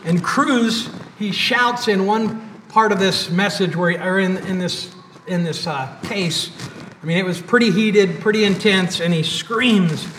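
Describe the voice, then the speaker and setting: Slow high-voiced preacher in an echoey church. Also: male voice, a bit bright, slight background noise. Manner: preaching with emphatic repetition and pauses. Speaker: pastor. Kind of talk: sermon. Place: church sanctuary. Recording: echoey church hall, mic at a distance.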